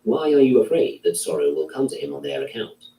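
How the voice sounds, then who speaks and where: Male reader, dark mellow tone, measured delivery, distant echoey recording. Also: medium pitch, big pitch swings, creaky. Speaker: narrator. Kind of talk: reading a classic philosophy text aloud. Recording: roomy, distant from the mic.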